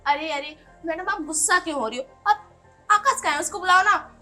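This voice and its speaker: A woman's voice: very high voice, brisk, sharp tone, faint music behind, exaggerated voice. A young woman acting a cheeky, insistent secret wife in a comedy skit. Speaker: comedy sketch actor.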